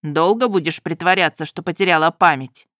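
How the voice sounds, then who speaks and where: Female narrator putting on a gruff young nobleman, stern and scolding, lowered voice, dry close recording, storybook. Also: brisk, a bit bright, dry recording, close to an everyday voice.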